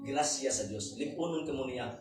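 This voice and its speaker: A man's voice: mid-range voice, normal speed, over music. A man with a Cebuano accent preaching a sermon, with emphatic rises and drops and English scripture quotes mixed in. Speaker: pastor. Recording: echoey hall from far off, faint background noise.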